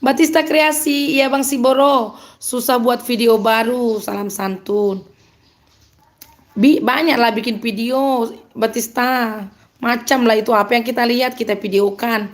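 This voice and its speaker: Woman, Medan accent, slightly high voice, upbeat live-stream host chatting with viewers and laughing often. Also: steady tone, unhurried. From Medan, North Sumatra. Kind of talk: live-stream chat reading out viewer comments.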